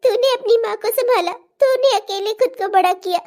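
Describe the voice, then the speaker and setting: A woman's voice: very high-pitched, normal speed, a little mellow. A woman voicing a remorseful mother in a cartoon, speaking through tears. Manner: tearful, remorseful. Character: remorseful older mother, tearful. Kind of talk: cartoon voice acting.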